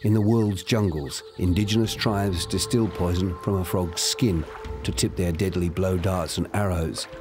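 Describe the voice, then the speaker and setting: A man narrates a nature documentary in a low register. His delivery is scripted and measured, like someone telling a story as he explains, with music clearly playing underneath. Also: steady tone.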